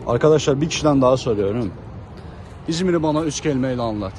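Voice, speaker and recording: A man's voice: medium pitch, lively intonation, quick pace, darkish tone. Man hosting casual interviews over street noise. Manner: repeats answers back. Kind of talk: casual vox-pop presenting. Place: outdoors on a city street. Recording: clear outdoor traffic noise.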